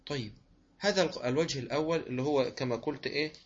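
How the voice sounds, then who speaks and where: A man's voice: medium pitch, fast talker, husky, dull audio. A man with an Egyptian accent teaching Quran recitation rules in an online lesson, patiently repeating each rule and answering his own questions. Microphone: online voice room.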